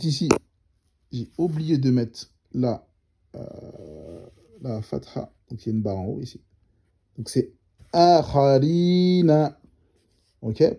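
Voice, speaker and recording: A patient male teacher with a dark, husky voice that sits a little high. He works through a lesson step by step, drawing out syllables slowly and checking that his students follow. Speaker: Arabic reading teacher.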